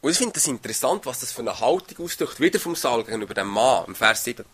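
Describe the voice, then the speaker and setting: A man's voice: mid-range voice, sing-song, fast, fairly bright tone, husky. A man preaching a sermon on a Bible passage, talking conversationally and often tagging phrases with a questioning "oder?".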